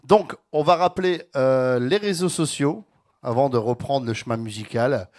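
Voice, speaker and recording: A man's voice: mid-range voice, normal speed. A man hosting a live radio show from the studio, upbeat as he presents and reads out listener messages. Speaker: radio host.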